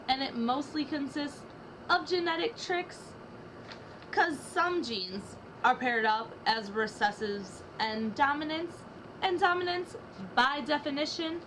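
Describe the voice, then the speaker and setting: For a dramatic rap-lyric reading, a young student reader with a high, light voice delivers verses rhythmically, alternating lines with a partner. Beneath her, the homemade recording carries a steady wash of hiss and room noise.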